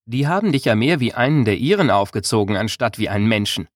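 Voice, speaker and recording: A man's voice: lowish voice, animated, fast talker, no room sound, studio quality, close to an everyday voice. A man reading a German audiobook, voicing a bold, teasing young village girl with a raised, stern-then-coaxing voice.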